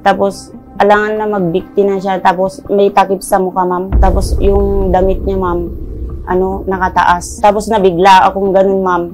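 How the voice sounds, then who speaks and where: A woman recounting events as a witness, halting with fillers and adding "ma'am" to nearly every phrase. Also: mid-range voice, level tone, a little mellow, soft background music. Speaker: witness recounting finding the victim.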